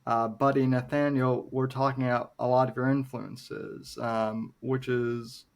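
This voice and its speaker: Brief: unhurried podcast host, a man in his late twenties, hesitant and thoughtful delivery. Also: mid-range voice, level tone, vocal fry. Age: 20s. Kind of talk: casual podcast interview.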